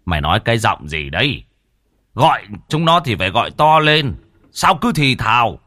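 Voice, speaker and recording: A man voicing an old male village shaman who scolds and shouts. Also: medium pitch, very animated, moderate pace, dry recording, studio quality, pitched above the performer's own voice. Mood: scolding.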